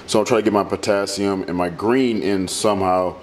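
A man's voice: on the low side, brisk, slight background noise. A man talking casually and loosely as he cooks his meals in a home kitchen, like a fitness trainer walking through his routine. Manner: relaxed, rambling, talks while cooking. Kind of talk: casual cooking walkthrough. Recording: music playing under voice.

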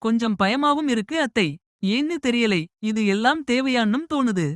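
A man voicing a shy, emotional young woman about to marry, who talks softly and hesitantly. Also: very high voice, lively intonation, moderate pace, no echo, clean studio sound, voice pushed up. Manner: soft, hesitant, tearful.

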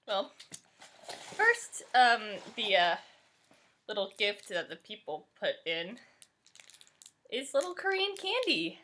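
A young woman vlogger with a bright, ringing voice talks to her camera at home. Her pitch bounces up and down a lot as she chats, excitable and a little scattered, sometimes while eating. She sounds like she is picked up by a camera mic in an ordinary room. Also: slow, long pauses. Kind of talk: casual unboxing chat.

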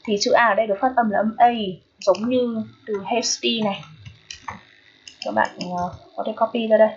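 A woman's voice: on the high side, steady tone, moderate pace, slightly rough, muffled recording. A woman with a Vietnamese accent teaching English pronunciation, repeating each word and often checking that listeners follow. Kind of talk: phonetics lesson.

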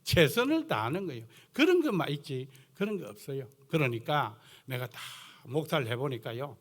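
An older guest pastor from the South Gyeongsang coast of Korea preaches a sermon in a thick Gyeongsang dialect, his voice mid-range and at normal speed. Earthy and folksy, he tells animated stories from his own ministry.

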